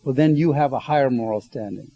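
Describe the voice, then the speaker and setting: A man with a gravelly, dark voice explains his points earnestly as a panel guest. He grew up in Ghana and often stops mid-sentence to correct his wording. His delivery is steady, with a low, rough edge. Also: quick pace, no room sound, dull audio. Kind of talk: panel discussion.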